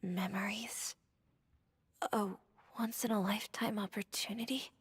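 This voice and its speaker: A woman voicing a wistful young woman in an anime game, speaking softly, hesitantly and earnestly. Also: mid-range voice, steady tone, measured pace, husky. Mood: shaken, sorrowful. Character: wistful young woman clinging to happy dream.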